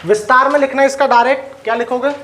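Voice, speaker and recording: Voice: high-pitched, fairly even intonation, fast talker, fairly bright tone, slight background noise. A teacher giving a live classroom lecture, dictating notes and regularly asking the students questions and whether they have doubts. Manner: quizzes students and checks for doubts.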